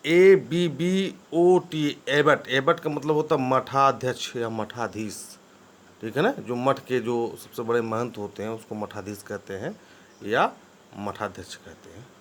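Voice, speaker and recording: A man gives an English vocabulary lesson at a mid-range pitch. He spells each word out slowly, letter by letter, and keeps checking that his students are following. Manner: spells words letter by letter, often asks "ठीक है ना?".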